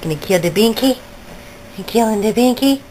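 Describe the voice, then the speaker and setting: A woman's voice: on the high side, expressive, moderate pace, a little mellow, slight background noise, poor audio. A woman who breeds dogs, cooing baby talk to puppies in a sing-song voice indoors at home. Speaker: dog breeder filming puppies. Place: indoors, home kitchen area.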